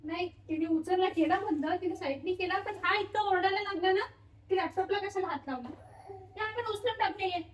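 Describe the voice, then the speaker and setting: A woman's voice: extremely high pitch, fairly quick. A mother chatting casually at home in her kitchen for a vlog, coaxing and playing with her toddler in a playful sing-song way.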